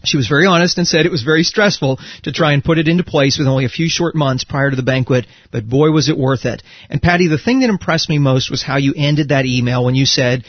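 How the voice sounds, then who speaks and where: A man hosts a call with a slightly husky voice that sounds dry and dulled by the phone. He speaks in a polished, upbeat interviewer's manner. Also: on the high side, fast, few pauses, no room sound, muffled recording. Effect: heard over the phone. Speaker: host.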